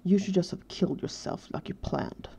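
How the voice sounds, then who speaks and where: A woman's voice: fairly low pitch, moderate pace, creaky, warm tone, slightly rough, exaggerated voice. Cody, a whiny teenage boy, read by a woman. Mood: tearful accusing. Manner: whiny, accusing. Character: angry tearful younger teenage boy.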